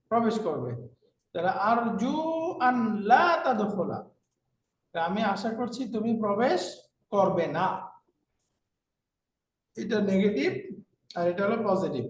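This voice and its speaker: A male Arabic teacher with a Bangladeshi Bengali accent giving a classroom lecture, slowly repeating terms and asking rhetorical questions. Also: high voice. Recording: echoey room, far from the mic, faint noise.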